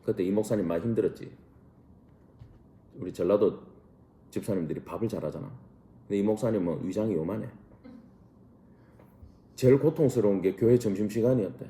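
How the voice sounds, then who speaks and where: A man's voice: fairly low pitch, a little fast, pauses often, mellow, reverberant. A man, a pastor, teaching a Bible study class in a church room, asking rhetorical questions and mixing casual and polite speech.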